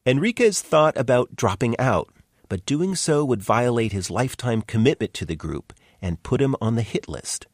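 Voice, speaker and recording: A male radio reporter narrates a documentary with a lively, animated pitch. His scripted read is clear and driven by the story. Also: moderate pace.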